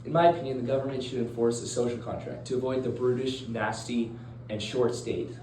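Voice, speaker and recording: A man's voice: mid-range voice, steady tone, brisk, dark tone, close to an everyday voice. A teenage boy playing a stern, blunt male philosopher in a school role-play interview, reading plainly and earnestly. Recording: roomy, distant mic, faint noise.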